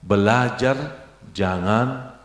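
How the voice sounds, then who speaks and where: A middle-aged man preaching a sermon with storytelling, animated and acting out the dialogue in his stories. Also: lowish voice, drawn-out words. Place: large hall at an Islamic boarding school. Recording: echoey hall with long reverb.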